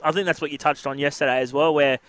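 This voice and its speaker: A man's voice: on the high side, steady tone, fast talker, fairly bright tone, dry recording. A man with an Australian accent co-hosting a sports radio show, casually analysing the game on a close mic. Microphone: close studio broadcast microphone.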